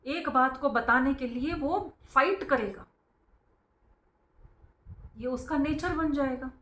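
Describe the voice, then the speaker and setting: Speaking slowly, a slightly high-voiced woman gives a casual spiritual talk and lays out her points with earnest care. Calling the audience friends, she mimics for a moment how strict parents quiet their kids, and the recording sounds echoey and spacious.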